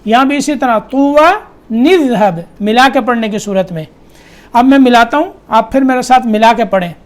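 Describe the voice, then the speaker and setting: During a tajweed lesson, a man with an extremely high-pitched voice chants verses slowly and drawn-out, then explains the rules in brisk asides. He corrects his students directly and repeats the proper reading.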